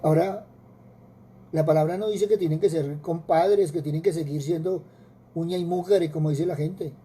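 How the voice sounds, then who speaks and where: Dark-voiced Colombian preacher. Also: male voice, fairly high pitch, steady tone, moderate pace, slight background noise. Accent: Colombian Spanish. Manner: earnest preaching with repetitions and rhetorical questions. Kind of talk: sermon.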